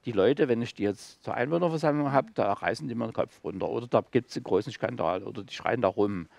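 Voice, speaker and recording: Gravelly guy explaining local politics on a talk show, lots of uh's and restarts. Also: medium pitch, quick pace, a little mellow, no room sound. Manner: hesitant, many fillers and restarts, explanatory. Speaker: local councillor guest. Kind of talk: casual talk-show conversation.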